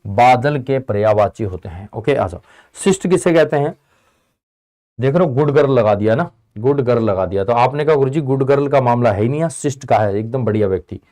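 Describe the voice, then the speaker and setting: A man's voice: mid-range voice, expressive, brisk, a little mellow. A male teacher leading an online exam-prep lesson, casually drilling students by asking questions and answering them himself. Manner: call-and-response drilling, answering his own questions; casual, addresses students as beta and bhai. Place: Indian tutoring channel.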